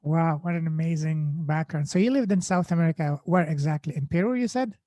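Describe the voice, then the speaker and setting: A man's voice: on the high side, brisk, dark tone, no room sound. A man hosting a podcast, enthusiastic and effusive in his praise. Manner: enthusiastic, effusive, many fillers. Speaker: podcast host. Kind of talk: casual interview hosting.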